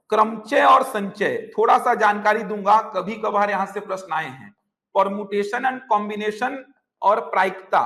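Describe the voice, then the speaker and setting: Male coaching teacher, bright edge, high voice, teaching in an echoey classroom. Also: creaky. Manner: explains by repeating terms in Hindi and English. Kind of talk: classroom lecture.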